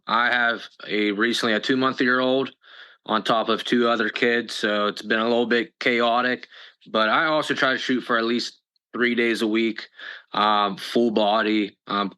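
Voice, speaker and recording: A man's voice: mid-range voice, bright, forceful tone, clean tone. A man in his twenties, a friendly panel guest in a casual chat. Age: 20s.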